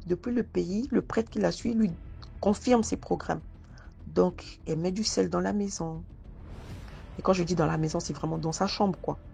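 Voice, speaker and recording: Low gravelly woman telling her own story. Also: normal speed. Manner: hesitant, repeats words and restarts often. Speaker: storyteller recounting a personal mystical experience. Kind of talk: casual spoken first-person storytelling.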